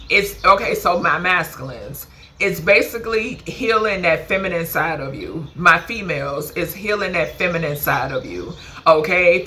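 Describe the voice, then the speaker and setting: Bright-voiced woman doing a spirit reading. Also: on the low side. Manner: chatty, tags nearly every phrase with "okay?"; emphatic, swears casually, calls viewers "baby" and "honey". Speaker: spiritual card reader. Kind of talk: casual channeled card reading to viewers.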